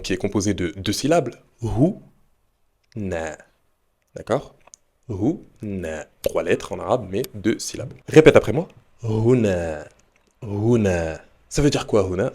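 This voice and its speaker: A man teaching a beginners' Arabic lesson, speaking slowly and patiently, repeating each word for listeners to say after him. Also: mid-range voice. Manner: slow, patient repetition of words, asking listeners to repeat.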